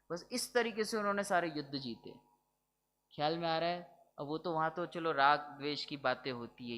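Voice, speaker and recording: A man's voice: high-pitched, sharp tone. A man teaching Jain scripture in a religious discourse, explaining step by step and often asking whether his listeners follow. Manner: keeps checking if listeners follow, asking rhetorical questions; explanatory, mixes English words into his talk. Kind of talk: religious discourse to a seated audience.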